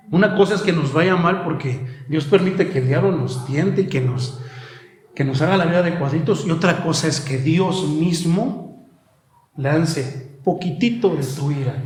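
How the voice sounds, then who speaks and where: A male pastor delivers a heated sermon in a high, ringing voice. The sound carries a roomy echo, as if from a church hall. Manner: impassioned preaching, often calls out "brother". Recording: echoey room.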